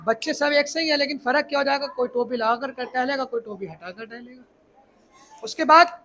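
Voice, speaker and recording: A man's voice: very high voice, moderate pace, very noisy. A male teacher explaining Arabic letters to a class of children, often asking them questions and repeating key points.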